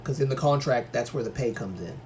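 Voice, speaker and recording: A man's voice: mid-range voice, animated, brisk, darkish tone, slight background noise. A man from Algeria hosting a livestream, chatting casually and giving his opinions with many fillers and restarts. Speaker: livestream host. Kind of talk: casual chat reading viewer comments.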